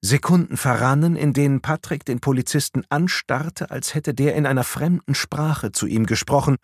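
Male thriller narrator, mid-pitched, measured, dry close sound. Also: husky, dry recording. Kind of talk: audiobook narration.

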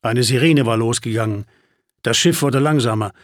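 A man narrating a first-person story as an audiobook, animated, with sudden rises in pitch. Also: moderate pace, no echo, clean studio sound.

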